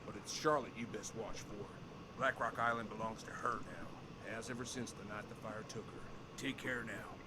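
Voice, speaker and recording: An actor voicing a gruff, folksy man who warns a visitor about dangerous neighbors. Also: fairly low pitch, steady tone, normal speed, very noisy, natural voice. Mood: ominous. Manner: folksy, ominous. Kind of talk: video game voice acting.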